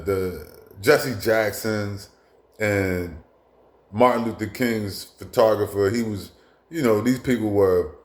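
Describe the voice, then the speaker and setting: A man's voice: lowish voice, darkish tone, reverberant. A man talking bluntly in a casual monologue as a commentator, with frequent restarts and asides. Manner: blunt, profane, repetitive with many asides and restarts.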